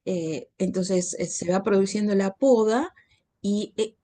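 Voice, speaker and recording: A woman student answering in an online class over a video call, hesitant with many pauses and restarts. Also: mid-range voice, mellow. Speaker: course participant.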